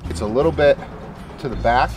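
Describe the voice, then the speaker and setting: A man in his thirties, outdoors in a snowy yard, casually explaining a homestead task step by step in a relaxed, thinking-aloud way. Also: mid-range voice, brisk. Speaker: homesteader vlogger. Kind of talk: casual how-to narration. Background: background music.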